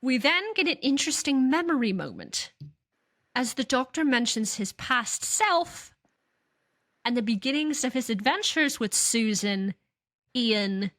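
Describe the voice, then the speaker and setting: A woman's voice: fairly high pitch, big pitch swings, a little slow, a bit bright. A woman hosting a podcast, recapping an episode casually, laughing often and acting out scenes. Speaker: podcast host.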